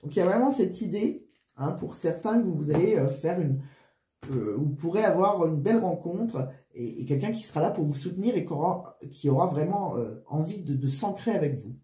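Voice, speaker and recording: A woman giving a casual card reading, wheezy and short of breath with flu, halting and often restarting her phrases. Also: fairly low pitch, lively intonation, dark tone, echoey room. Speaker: tarot card reader.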